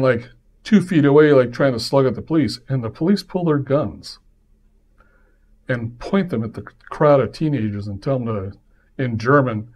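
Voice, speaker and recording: Man telling a lively personal story. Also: mid-range voice. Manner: lively, acts out quoted voices in his stories. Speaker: podcast host.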